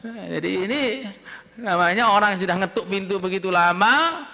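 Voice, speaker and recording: A male preacher delivers a lively, story-filled sermon full of acted quotes and humor. His voice is high and bright. A long hall reverb and a dull, lo-fi sound surround him. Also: moderate pace, vocal fry. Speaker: preacher at an Islamic boarding school.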